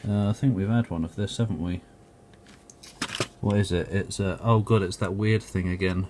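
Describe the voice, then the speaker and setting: A man's voice: deep voice, fairly even intonation, moderate pace, background noise. A man giving casual, rambling commentary as a video host, grumbling and poking fun at himself with mild swearing. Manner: self-mocking, grumbling, mildly sweary.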